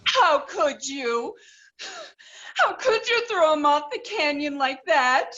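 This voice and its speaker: An actress playing a helpless, overwrought young damsel in a hammy stage melodrama. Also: female voice, very high voice, lively intonation, sharp tone, muffled recording, full character voice. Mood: distressed. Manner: pleading, slow and melodramatic.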